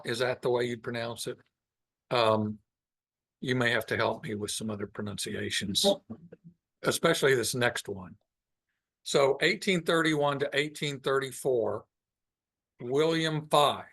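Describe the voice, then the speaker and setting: In a meeting room, a man presents slides informally to the people in front of him, his medium-pitched voice fairly bright in tone. He pauses frequently and works through his thoughts out loud.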